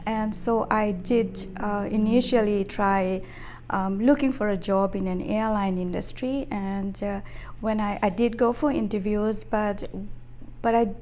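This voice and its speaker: A woman in her fifties from Fiji, an executive answering interview questions in a measured, thoughtful way with frequent hesitations. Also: mid-range voice, fairly even intonation, darkish tone, slight background noise. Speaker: interview guest, business executive.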